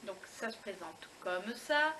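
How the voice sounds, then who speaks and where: A woman's voice: medium pitch, animated, takes it slowly, pushed and bright, slight background noise, low-quality recording. A woman vlogger chatting casually as she unboxes a beauty box, full of fillers, restarts and little exclamations.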